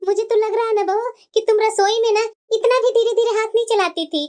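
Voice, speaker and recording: A woman's voice: extremely high pitch, steady tone, a little fast, darkish tone. A woman voicing a fussy old mother-in-law. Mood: coaxing. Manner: scolding, coaxing, repeats "bahu". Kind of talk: cartoon voice acting.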